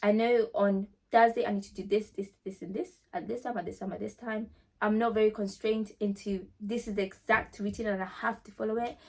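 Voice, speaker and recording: A woman's voice: mid-range voice, steady tone, a little fast, darkish tone. A woman hosting a casual question-and-answer vlog, speaking directly to her viewers in an emphatic way and repeating phrases for stress. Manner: conversational, addresses listeners directly. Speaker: pageant winner and vlog host answering questions. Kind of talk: casual chatty Q&A talk to viewers.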